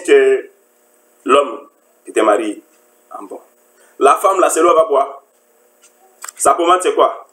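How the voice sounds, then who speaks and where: Mocking woman coach in a roomy echo. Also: deep voice. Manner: mocking, rhetorical, repeats "you didn't know that". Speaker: relationship coach. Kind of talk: lecturing monologue to camera.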